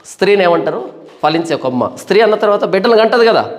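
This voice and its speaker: High-voiced male pastor in a reverberant hall. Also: expressive. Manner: questioning, rhetorical, slows to stress points. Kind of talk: Bible study sermon.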